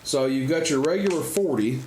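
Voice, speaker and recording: His voice is a little high with a darkish tone, and he talks fairly quickly while pitching CB radios in a casual, folksy, wandering demo. The clip is a noisy amateur camera recording with clicks.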